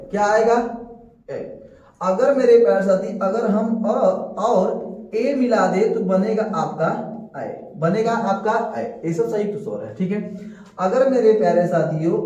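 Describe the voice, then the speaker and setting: A man's voice: high-pitched, dark tone. A man teaching a class, who keeps asking questions and answering them himself, repeating each point. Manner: repetitive, asks and answers his own questions. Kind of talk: classroom lecture. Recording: echoey room, distant mic.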